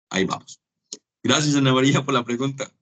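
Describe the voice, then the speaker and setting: A man's voice: medium pitch, fairly bright tone. A man giving an online teaching lecture, chatty and acting out small dialogues as examples. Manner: chatty, acts out little dialogues. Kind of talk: web conference lecture.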